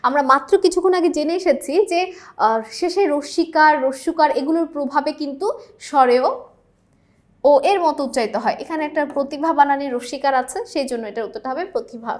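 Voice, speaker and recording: A young woman with a high, light voice teaches a lesson. She explains each point patiently and keeps checking whether her students follow. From Bangladesh. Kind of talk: classroom lesson explaining exam questions.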